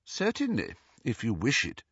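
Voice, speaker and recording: A man's voice: medium pitch, huge pitch swings, unhurried, a bit bright, no echo, pitched above the performer's own voice, heavily acted. A man voicing a stern older female professor who speaks with cold, clipped precision. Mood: icy. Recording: dull dry lo-fi recording.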